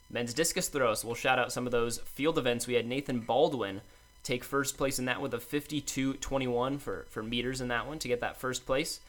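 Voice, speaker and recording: A man's voice: mid-range voice, fairly bright tone. Young man reading sports results. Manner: brisk list-reading, upbeat. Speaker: co-host of a college sports podcast. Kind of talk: casual chat, reading results.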